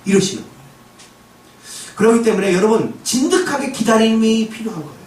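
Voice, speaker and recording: A man's voice: high voice, expressive, fairly quick, darkish tone. A man preaching a sermon as pastor, voicing God and Moses in short quoted lines and rising to emphatic exclamations. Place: church sanctuary. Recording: roomy echo, distant mic, faint ambience.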